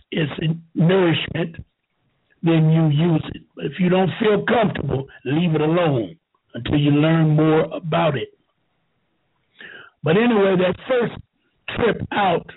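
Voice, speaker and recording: Husky seventy-year-old man on a tinny line. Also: on the high side. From United States. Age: 70s. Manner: slow, halting storytelling with restarts. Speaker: show host. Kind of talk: rambling talk.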